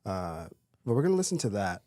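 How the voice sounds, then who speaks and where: A man hosting a casual podcast with a joking, upbeat manner. His voice sits a little low. It is recorded close and dry, with no room around it. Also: very animated, a little fast, mellow, dry recording. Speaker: podcast host.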